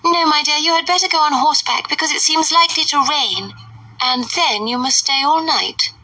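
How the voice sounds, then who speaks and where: A woman voicing a fussy, excitable middle-aged mother with a shrill, gushing manner. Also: normal speed, no echo, far from the mic, rough recording. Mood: fussing.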